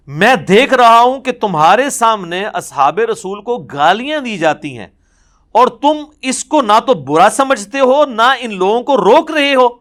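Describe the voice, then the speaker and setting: A man delivers a religious lecture. His voice sits a little high, and he tells his narrations with animation. He acts out the quoted speech as he goes. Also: a bit bright. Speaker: religious scholar.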